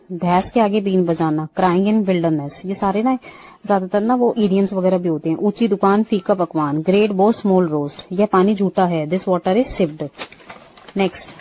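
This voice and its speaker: A woman with an Indian accent teaching English vocabulary, running through word lists quickly and saying the English phrases slowly and clearly. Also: mid-range voice, warm tone. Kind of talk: vocabulary lesson for Hindi speakers.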